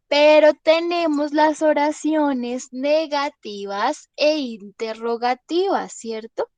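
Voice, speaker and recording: A woman teacher leads an online lesson at a slow, patient pace, her voice a bit higher than most. She keeps checking that her students follow along, and the sound is close and dry, with no room echo. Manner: patient, checks understanding with frequent tag questions. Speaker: English teacher.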